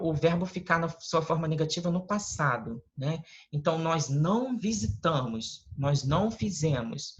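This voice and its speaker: A Brazilian English teacher with a Brazilian Portuguese accent, patiently explaining step by step in an online lesson over a video call. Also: medium pitch. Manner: patient, explains step by step, often adds tag questions. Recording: lo-fi call audio with faint noise.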